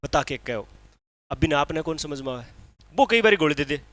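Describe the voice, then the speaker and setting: A male teacher, giving an exam-prep lecture, asking rhetorical questions and reading English lines out slowly. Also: fairly high pitch, lively intonation, fairly bright tone, dry recording.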